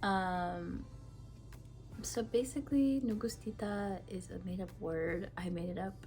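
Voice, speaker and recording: A woman's voice: mid-range voice, unhurried, dark tone, faint music behind. A woman from Ethiopia giving a casual tarot reading to camera, talking frankly in a chatty way with many fillers. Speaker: tarot reader.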